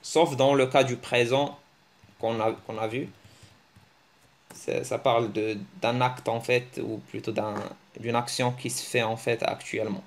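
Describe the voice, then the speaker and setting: Guy doing a laid-back language lesson, jokey and teasing, mid-pitched voice, jumps up high when he jokes. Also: unhurried. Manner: joking, animated, teasing, with sudden pitch jumps. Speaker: language teacher. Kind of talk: casual online language lesson.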